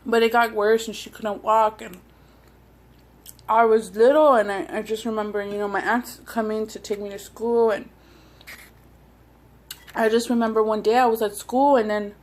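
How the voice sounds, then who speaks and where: A woman's voice: a little high, flat delivery, normal speed, pauses often, darkish tone. A woman talking casually and chewing as she goes, telling personal stories in a hesitant, rambling way between bites, like a mukbang vlogger. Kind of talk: casual personal storytelling while eating.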